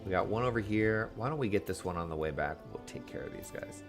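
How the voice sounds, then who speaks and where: A man with a fairly low voice streams a video game. He comments casually in a wry, chatty, self-amused way, with music behind him. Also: expressive, fast talker. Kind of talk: casual live gameplay commentary.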